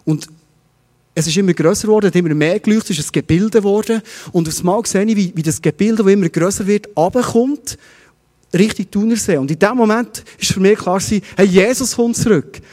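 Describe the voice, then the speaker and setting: A man's voice: high-pitched, quick pace, dark tone, in a large hall. A middle-aged man preaching a sermon as pastor in a Swiss German accent, posing one rhetorical question after another.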